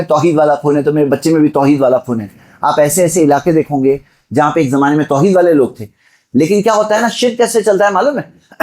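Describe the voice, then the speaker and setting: With a slightly high, darkish voice, a man from Mumbai, India, exhorts the faithful in a Friday sermon. His style mixes rhetorical questions with direct appeals to those listening.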